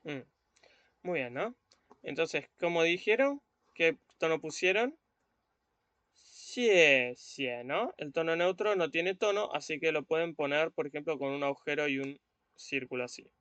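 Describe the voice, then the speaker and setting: A man teaching an online language lesson, patient, repeating words slowly and often checking that students follow. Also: fairly high pitch, a bit bright, no room sound, lo-fi sound. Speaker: Chinese teacher.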